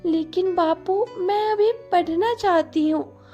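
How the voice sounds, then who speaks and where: A woman's voice: extremely high pitch, slow pace, a little mellow, soft background music, voice pushed up. A woman voicing a frightened, tearful teenage village girl who pleads to keep studying. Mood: pleading. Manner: trembling, pleading.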